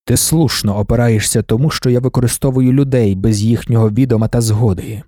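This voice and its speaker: A man reading the part of an ancient godlike male emperor, calm and cryptic, with a slow, weighty delivery. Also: mid-range voice, dry recording, studio quality, natural voice. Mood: measured.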